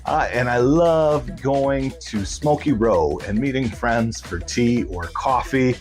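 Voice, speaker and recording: A man's voice: mid-range voice, slow pace, faint music behind. A man hosting bingo in a casual, folksy, upbeat and chatty way, calling numbers between stretches of talk. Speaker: bingo host. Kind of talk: casual bingo caller and host chat.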